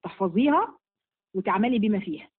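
A religious teacher with an Egyptian Arabic accent answers viewers' questions in a live session, firm yet motherly, blessing each asker by name. Her husky, medium-pitched voice is lively and fairly quick, with a narrow, phone-like sound.

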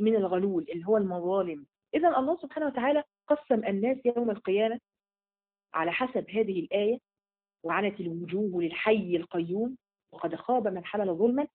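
A woman with an Egyptian accent gives a religious lesson to a group of women, speaking at a very fast clip. She keeps asking rhetorical questions and answering them in casual colloquial speech. The sound is narrow and tinny, as if heard over a phone. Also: mid-range voice. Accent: Egyptian Arabic. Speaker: religious teacher.

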